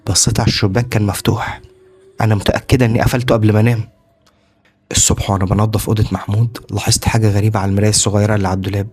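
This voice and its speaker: A man with an Egyptian accent narrates a scripted horror story in a hushed, suspenseful way. His voice sits low and the telling moves quickly. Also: level tone. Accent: Egyptian Arabic.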